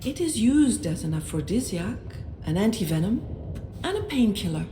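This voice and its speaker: A woman narrating a medieval role-playing game in a measured storybook manner, sometimes dropping to a hush. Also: mid-range voice, sing-song. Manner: measured, with occasional hushed whispers. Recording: roomy echo, faint noise.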